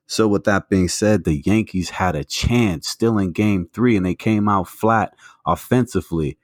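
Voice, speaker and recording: With a deep voice and a measured pace, this podcast co-host makes his case in a relaxed sports discussion, leaning on statistics and lots of filler words. The sound is clean studio audio with no echo.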